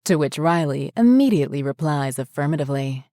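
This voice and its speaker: A woman narrating a horror short story in a measured, descriptive way. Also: sits low, animated, mellow, dry recording, studio quality.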